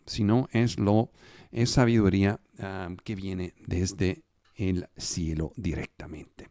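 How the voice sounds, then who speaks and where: A preacher teaches a live online Bible study in Spanish, which is not his first language, explaining scripture step by step and pausing on fillers. His voice is mid-range and darkish, with vocal fry. The recording is studio quality, with no echo.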